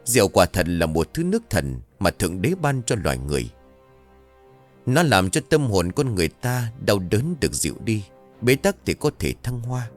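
A man narrating a ghost story in a dramatic, expressive storytelling manner. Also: on the low side, moderate pace, soft background music.

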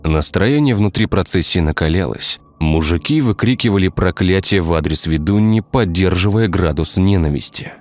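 A man narrating a dark village tale in a scripted storytelling style. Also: low voice, animated, moderate pace, few pauses. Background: faint music.

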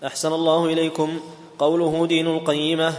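Flat-voiced man reading a text aloud. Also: on the high side. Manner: measured, formal reading. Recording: echoey hall with long reverb.

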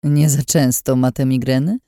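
A woman's voice: rumbling low, fairly even intonation, normal speed, dark tone, no room sound, studio quality. A woman voicing a tactless, boorish male lord in an audiobook, blunt and offhand. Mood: needling.

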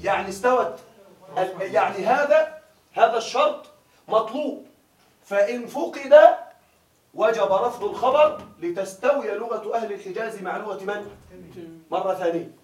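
A man's voice: high voice, moderate pace. A man teaching grammar in a classroom lecture, often stopping to ask his students whether they follow. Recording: echoey room, voice from far off.

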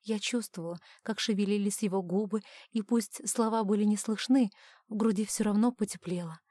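Soft-spoken woman narrating an audiobook. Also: medium pitch, fairly even intonation, a little fast, dry recording. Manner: soft, often sinking to a whisper. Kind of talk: first-person scripted narration.

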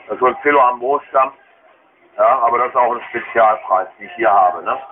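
A man's voice: medium pitch, fairly quick. Tinny, noisy recording of a male market seller. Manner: chatty, folksy sales patter with frequent tag questions. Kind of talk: casual sales talk to a customer. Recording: noisy, tinny phone-like sound.

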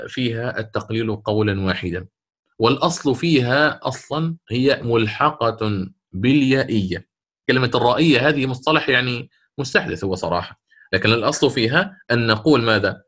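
A man's voice: mid-range voice, fairly bright tone. A middle-aged sheikh teaching Quran recitation rules in a classroom lecture, explaining step by step, repeating key words and quizzing his students.

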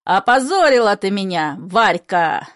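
A woman reading an audiobook, voicing a gruff, bitter old grandfather who grumbles and bursts into shouts in a low voice. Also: lively intonation, a little slow, dry recording, studio quality, close to an everyday voice.

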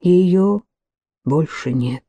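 A woman's voice: fairly low pitch, expressive, very slow, warm tone, slightly rough, full character voice. A woman reading an audiobook who voices a timid, bespectacled man who mutters in a subdued way.

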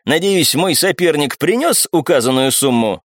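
A man's voice: fairly high pitch, lively intonation, moderate pace, dry recording, clean studio sound. A man voicing a smug, boastful young male baron who taunts his opponent.

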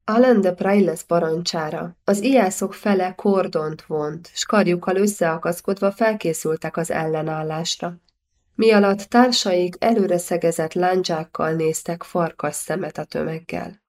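Measured woman narrating an audiobook. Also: fairly low pitch, a little mellow. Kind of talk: scripted narration of a historical novel.

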